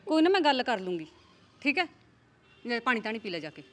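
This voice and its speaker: Caring Punjabi village mother, played by a woman; persistent, pleading, high and quick. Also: sing-song, a bit bright. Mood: coaxing. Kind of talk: village drama acting.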